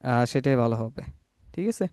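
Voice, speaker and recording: A Bangladeshi man teaching English pronunciation in an online class, slowly modelling sounds and often checking that the class is following. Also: medium pitch, expressive, a little mellow, no room sound, clean studio sound. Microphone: laptop or video call mic.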